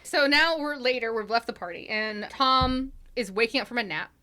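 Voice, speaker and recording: Bright-voiced woman recapping a film. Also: a little high, moderate pace, slight background noise. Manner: recounts scenes, acts out quotes. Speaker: podcast co-host. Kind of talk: casual movie recap chat.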